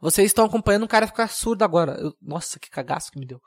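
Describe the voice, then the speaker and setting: High-voiced self-mocking young man. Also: very fast. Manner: self-mocking, deadpan, rambling. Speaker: podcast host. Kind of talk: comedic solo podcast monologue.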